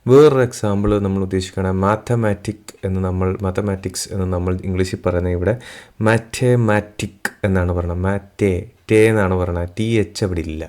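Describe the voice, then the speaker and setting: A man with a very low voice gives a beginner's language lesson. He moves slowly through each pronunciation rule. He says every example word several times over. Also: steady tone, darkish tone. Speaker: German language teacher.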